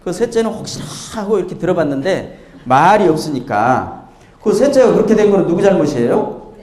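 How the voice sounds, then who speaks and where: A middle-aged man giving a lively lecture on inheritance law, full of jokes, rhetorical questions and acted-out voices. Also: sits high, brisk, echoey room. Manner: animated storyteller, acts out voices, rhetorical questions. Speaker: tax accountant lecturer. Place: lecture hall with audience.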